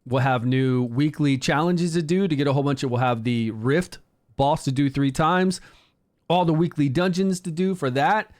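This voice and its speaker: A man hosting a casual game livestream in a slightly higher voice, chatty and upbeat as he talks his viewers through his progress. He greets people in chat by name and keeps an easygoing, promotional tone. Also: normal speed.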